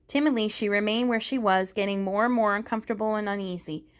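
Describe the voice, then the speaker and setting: A woman's voice: medium pitch, fast. Woman reading a novel aloud. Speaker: reader.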